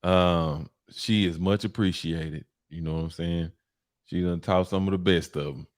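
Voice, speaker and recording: A man hosting a casual talk show, giving shout-outs and reading a listener's question. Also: low voice, steady tone, moderate pace. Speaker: host. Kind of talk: casual chat.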